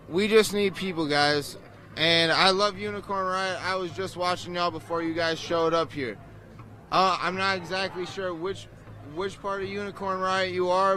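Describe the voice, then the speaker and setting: Man protester, emotional and earnest, bright forceful voice, faint street noise behind. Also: high-pitched. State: choked up. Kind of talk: street interview. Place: outdoor city street.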